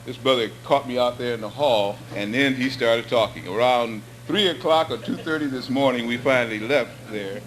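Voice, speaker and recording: A middle-aged man gives a public lecture from a podium in a hall, picked up by stand mics on stage. His mid-range voice moves at a moderate pace with few pauses, conversational but rising to emphatic points.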